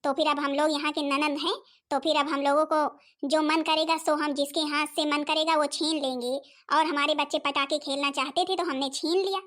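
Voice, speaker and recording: A woman's voice: sits high, steady tone, normal speed, fairly bright tone. A woman voicing bossy, brash visiting sisters-in-law in a cartoon, taunting their hosts. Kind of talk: Hindi cartoon voice acting.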